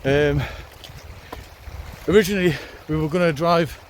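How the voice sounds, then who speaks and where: A man's voice: a little high, unhurried. A man casually vlogging on a hike outdoors, talking in a laid-back, wry way. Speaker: hiking vlogger. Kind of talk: casual chat to camera while hiking. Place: outdoors on a wet, windy hiking trail. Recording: noisy, windy outdoor walking recording.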